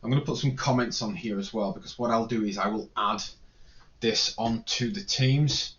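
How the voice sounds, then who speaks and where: A man's voice: fairly low pitch, normal speed, fairly bright tone, muffled recording, a little hiss or hum. A man teaching an engineering calculation in a spreadsheet, thinking aloud and correcting himself as he goes. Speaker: engineering lecturer. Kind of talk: screen-recorded spreadsheet tutorial.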